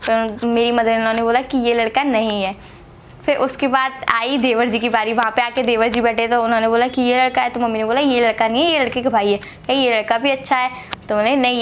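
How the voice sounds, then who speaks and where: A young woman from Agra, India, telling a personal story to camera in a chatty way, repeating herself and using many fillers. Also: a little high. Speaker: vlogger telling her marriage story.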